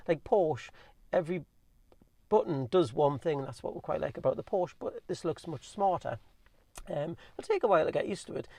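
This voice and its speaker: A man with a Geordie accent rattling through a casual, rambling Q&A, talking fast with plenty of ums and restarts. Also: a little high, gravelly, a little mellow, no echo. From North East England. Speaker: vlogger reviewing his car. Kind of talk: casual chatty Q&A.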